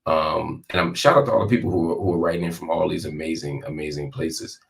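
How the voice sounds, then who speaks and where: A man's voice: rumbling low, steady tone, a little fast, gravelly. A man hosting live political commentary from a hospital room, talking straight to his viewers in an emphatic, conversational way with repetition for effect.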